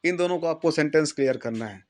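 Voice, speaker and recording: A man gives an exam-preparation English lesson. His voice sits a little on the high side, and he dictates each example sentence slowly, then repeats it and checks back with his students. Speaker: English teacher. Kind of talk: exam-prep lesson explaining in Hindi.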